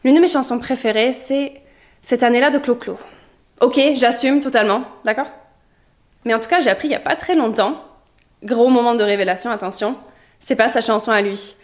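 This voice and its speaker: A young woman vlogging in a lively, chatty way, telling stories to her viewers. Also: a little high, brisk. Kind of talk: casual vlog monologue.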